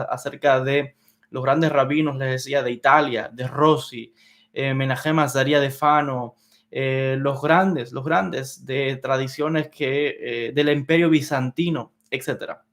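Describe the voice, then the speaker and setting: A man teaching an introductory lecture on Kabbalah, unhurried and methodical, repeating key words as he explains them at a whiteboard. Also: fairly high pitch.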